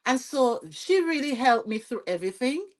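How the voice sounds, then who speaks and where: Chatty Vincentian woman, fairly high voice. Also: normal speed. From Saint Vincent and the Grenadines. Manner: lively, chatty, often asks "you see what I'm saying?". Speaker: podcast guest. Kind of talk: conversational storytelling interview.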